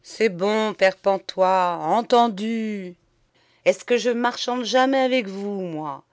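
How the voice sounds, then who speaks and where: A woman voicing a boastful, blustering middle-aged man, the master of the house, who talks loudly and swears freely. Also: high voice, slow. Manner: loud, swaggering, swears freely.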